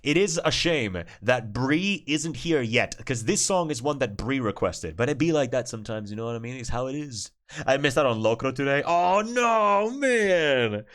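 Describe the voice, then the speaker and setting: A man's voice: medium pitch, lively intonation, normal speed. A man from Argentina, chatting casually and playfully with his stream chat and swearing freely.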